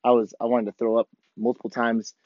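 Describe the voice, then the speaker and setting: A hoarse man with a worn-out voice hosting a podcast, talking casually and candidly in a rambling, profanity-heavy motivational monologue. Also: mid-range voice, level tone, fairly quick. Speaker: podcast host. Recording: dull, lo-fi, roomy echo.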